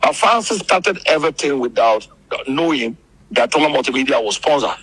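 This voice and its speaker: Over a rough, husky radio phone-in line, a man with a Ghanaian accent, an entertainment media insider, explains things as an interview guest, repeating phrases and often saying "you know." His mid-range voice is animated, brisk and fairly bright; there is no echo, but the audio is poor.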